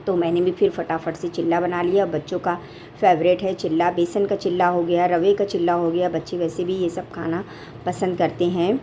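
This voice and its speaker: A woman vlogging casually from her home kitchen on a handheld phone, warmly calling her viewers family. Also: lowish voice, slight background noise. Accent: Hindi. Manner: affectionate, repeatedly addresses viewers as family. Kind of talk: casual daily vlog chat.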